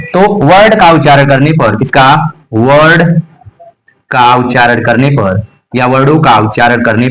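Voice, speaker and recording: A man's voice: mid-range voice, low-quality recording. A man teaching an exam-prep grammar lesson, drilling letters over and over and answering his own questions. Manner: slow, drilling repetition of letters and terms; asks the class questions and answers them himself.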